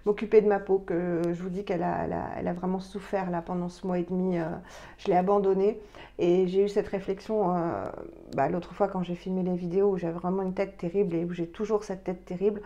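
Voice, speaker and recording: A woman's voice: fairly low pitch, flat delivery, a little fast, mellow, highs cut off. Chatty French woman in her fifties. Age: 50s. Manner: chatty, hesitant, many fillers and restarts. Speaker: beauty vlogger. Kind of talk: casual product review.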